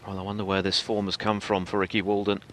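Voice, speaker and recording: A man commentates on snooker in a fairly low, crisp-edged, bright voice. He sounds measured and analytical, with faint noise and venue ambience behind him. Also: monotone.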